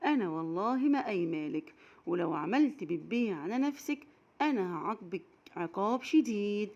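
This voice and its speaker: A woman's voice: mid-range voice, lively intonation, moderate pace, vocal fry, a little mellow, muffled recording, pitched below the performer's own voice. A woman voicing a tired, stern mother scolding her small daughter, with an Egyptian accent. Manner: scolding, firm warnings.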